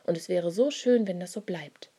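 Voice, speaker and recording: A woman reading the part of Sarah, an impatient, curious little girl, in a husky, breathy voice. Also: on the low side, normal speed, mellow. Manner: curious, questioning.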